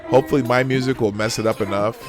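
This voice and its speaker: A livestream host rambles at a quick pace, reading comments aloud, correcting himself and chuckling along the way. His mid-range voice keeps a steady tone over background music.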